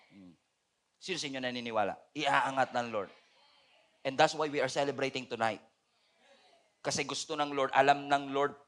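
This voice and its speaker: A male pastor with a Filipino accent and a mid-range voice preaches a sermon. He swings between loud shouting and quiet, joking asides.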